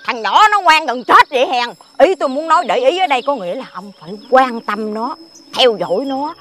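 A busybody village cake seller talks, exclaiming and insisting. Her voice sits high and bright, leaping all over in pitch. Soft music plays underneath. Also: lively intonation, fairly quick, slight background noise. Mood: insistent. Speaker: village woman selling sticky rice cakes. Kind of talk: TV folk-tale drama acting.

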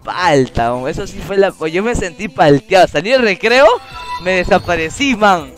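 Animated Peruvian streamer, high lively voice. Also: male voice, normal speed, soft background music. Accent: Peruvian Spanish. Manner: animated, slangy, laughs a lot. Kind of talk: casual storytelling to chat.

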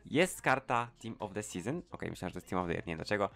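Lower-voiced guy, calm, walking through packs, faint music. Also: fast. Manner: calm, explanatory. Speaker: gaming YouTuber. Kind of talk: pack-opening commentary.

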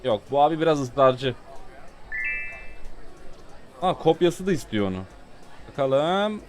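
A man narrates his gameplay for viewers in a chatty, exasperated way. His voice sits a little high, and he. A faint background hiss runs under the recording. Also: sing-song, takes it slowly. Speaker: gaming YouTuber. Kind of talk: let's play commentary.

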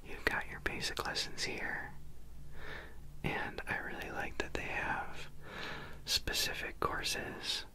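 A man's voice: takes it slowly, long pauses, sharp tone. Male ASMR host, thirties, whispered sponsor read, casual and playful, close-miked. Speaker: sponsored ad reader. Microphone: close studio microphone on a desk.

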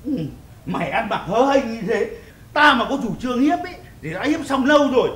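A man's voice: very high voice, very animated, fairly quick, a bit bright, heavily acted. A man playing a cheeky crude neighbor. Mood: mocking. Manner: teasing, drawling. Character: cheeky middle-aged male neighbor, crude and mocking. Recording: echoey room, music behind.

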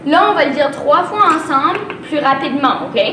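A young woman with a Canadian French accent teaches tongue-twister drills in a high voice. She is picked up from a distance in an echoey space, with noise behind her. She articulates as a workshop leader demonstrating for learners. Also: lively intonation. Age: young adult. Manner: articulates tongue twisters, slowly then faster. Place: theatre stage, indoors. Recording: roomy, distant microphone, clear background noise.

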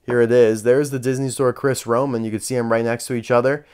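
A man's voice: mid-range voice, flat delivery, fast, a little mellow, clear, resonant tone. A man chatting casually as he unboxes and reviews collectible toy cars, candid and dryly sarcastic.

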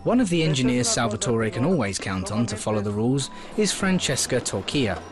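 A man narrates a documentary in a scripted, measured voice. His pitch moves a lot as he speaks. Music plays clearly behind him. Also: sing-song.

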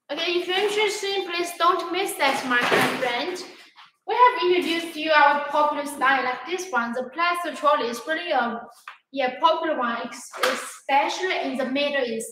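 A woman's voice: high voice, sharp tone. A young woman presenting products on a livestream demo, upbeat and greeting viewers by name. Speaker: sales presenter. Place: large echoey warehouse showroom. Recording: echoey room, faint background noise.

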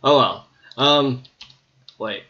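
A gameplay video maker with a medium-pitched, slightly scratchy voice and a sharp tone drags out his words in casual, rambling commentary. He hesitates often with ums, and the recording is muffled.

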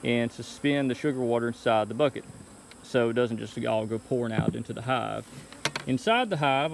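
A man's voice: mid-range voice, a little hiss or hum, low-quality recording. Man explaining beekeeping outdoors, bees buzzing. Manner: relaxed, explaining step by step. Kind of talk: casual how-to vlog. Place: outdoor bee yard. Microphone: phone camera held while working. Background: insects buzzing outdoors.

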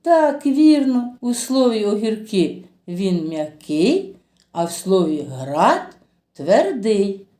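A woman's voice: mid-range voice, mellow. A woman teaching a phonics lesson to young children. She stretches out each word as she sounds it, asks them questions and praises them. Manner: slow, drawn-out sounding of words for children. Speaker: kindergarten teacher.

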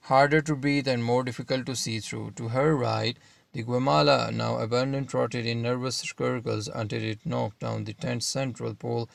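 A man narrating an audiobook in a steady, measured reading. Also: medium pitch, vocal fry, no echo.

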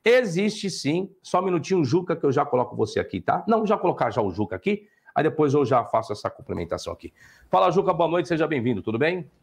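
A man with a Brazilian Portuguese accent lecturing and chatting with viewers as host of a live stream, often ending points with a quick "tá?". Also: a little high, creaky. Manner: lively, lecturing, frequent "tá?" tags. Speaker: teacher hosting a live stream.

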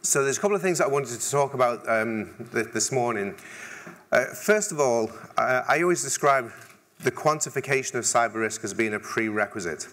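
Speaking briskly in a mid-range, fairly bright voice, this middle-aged conference speaker from England delivers a keynote on a big stage. His style is conversational, dryly humorous, and full of restarts.

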